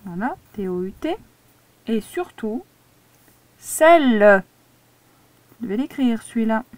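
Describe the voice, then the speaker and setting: Slow, patient woman teacher dictating. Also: a little high, expressive, a little mellow, no room sound. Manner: patient, spells out words syllable by syllable. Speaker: primary school teacher. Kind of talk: slow dictation lesson for a child.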